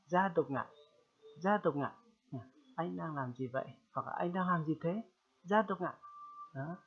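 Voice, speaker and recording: A man giving a casual spoken language lesson, repeating phrases slowly and loudly for learners and often checking in with them. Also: on the high side, soft background music. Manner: chatty, checks in with "được chưa?". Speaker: language teacher. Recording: tinny phone-like sound.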